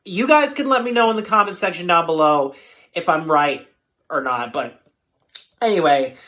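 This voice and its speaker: A woman's voice: fairly low pitch, normal speed, fairly bright tone. A woman hosting a reaction video with casual, chatty, tentative commentary that often corrects itself.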